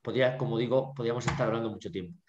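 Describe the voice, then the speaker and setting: A man's voice: mid-range voice, racing, darkish tone, slight background noise. A man, a drama teacher giving a lecture over a video call, who keeps checking in with his listeners with little tags and fillers. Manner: filler-heavy, constantly checking in with "¿vale?" and "¿no?". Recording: echoey room, dull lo-fi video call.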